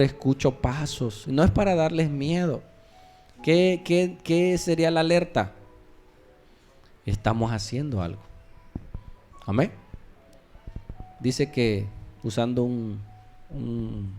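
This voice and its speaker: Mexican pastor preaching, lively. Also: male voice, mid-range voice, slow, pauses often, faint music behind. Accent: Mexican Spanish. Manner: lively preaching, acting out quoted voices. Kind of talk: sermon.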